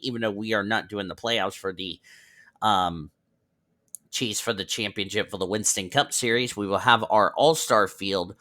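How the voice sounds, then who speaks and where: A man's voice: medium pitch, bright, forceful tone. Man commentating a sim race. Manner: rambling, self-correcting, checks standings aloud. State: coughing, slightly under the weather. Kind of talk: play-by-play sim racing commentary.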